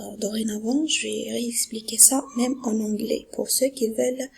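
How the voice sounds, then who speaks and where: A woman teaching a grammar lesson, explaining patiently, repeating herself and checking that her students understand, in a breathy, half-whispered voice. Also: on the high side, darkish tone. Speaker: French teacher.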